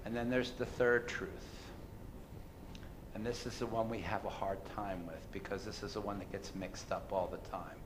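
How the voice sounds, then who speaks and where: A man preaching a sermon, emphatic, rising loud on key phrases and dropping quiet. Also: fairly low pitch, fairly even intonation, moderate pace, noisy background. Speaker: pastor.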